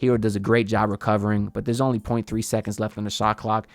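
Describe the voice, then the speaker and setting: A man breaking down basketball game film in a casual voice-over, getting more excited as the plays build. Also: fairly low pitch, fast talker, no echo.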